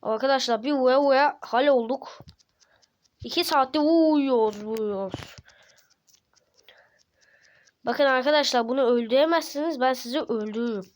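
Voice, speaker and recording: A woman hosting a gaming channel, giving excited gameplay commentary, slangy and playful as she cheers on and taunts her teammates. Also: high voice, normal speed.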